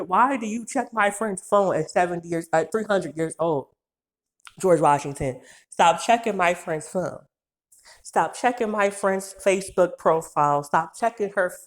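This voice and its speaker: A woman in her twenties ranting through a casual storytime video, cursing freely, rambling, and laughing often. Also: on the low side. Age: 20s. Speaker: vlogger.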